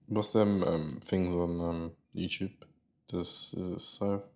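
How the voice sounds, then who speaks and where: A man's voice: deep voice, level tone, slow pace, creaky, a bit bright. A man co-hosting a podcast, teasing his co-host in a laid-back, casual chat.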